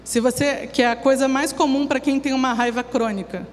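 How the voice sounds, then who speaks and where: A woman's voice: high-pitched, steady tone, fairly quick. Woman speaker, church recovery talk, conversational teaching, long reverb, faint hum. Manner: conversational, explains with everyday examples. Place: church hall.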